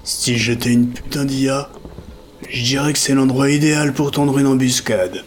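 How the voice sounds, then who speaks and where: A man's voice: medium pitch, normal speed, a little hiss or hum, natural voice. A man voicing a crude, cynical male soldier who talks bluntly and swears, in an audio story. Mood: wry.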